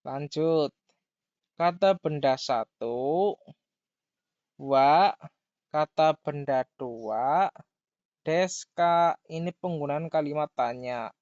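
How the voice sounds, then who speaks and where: Slow, dry-voiced man teaching grammar. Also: a little high, a little mellow, no echo. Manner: slow, repeats key words, reads example sentences aloud. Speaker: language teacher. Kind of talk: explaining grammar lesson. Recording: dull lo-fi dry sound.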